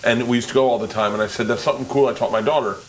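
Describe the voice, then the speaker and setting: A man's voice: medium pitch, fairly even intonation, very fast, slight background noise. Rambling Philly storyteller man. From Philadelphia. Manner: rambling storyteller, restarts often. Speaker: host. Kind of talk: casual chat.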